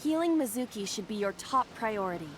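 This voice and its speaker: A woman playing a composed AI partner in a video game, speaking in a measured, precise, explanatory way. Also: medium pitch, lively intonation, slight background noise, close to an everyday voice. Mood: analytical, composed. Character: composed female AI partner guiding a detective.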